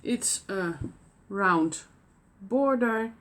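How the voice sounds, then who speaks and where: A knitting podcast host from the Netherlands chats through casual show-and-tell with a Dutch accent, a mid-range voice, and lively intonation. She comes across as hesitant, pausing often and filling gaps with fillers and restarts.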